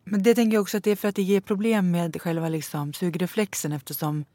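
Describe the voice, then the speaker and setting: A woman's voice: fairly low pitch, steady tone, warm tone, no echo. A woman co-hosting a podcast, chiming in with thoughtful remarks in casual conversation. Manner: thoughtful, interjecting.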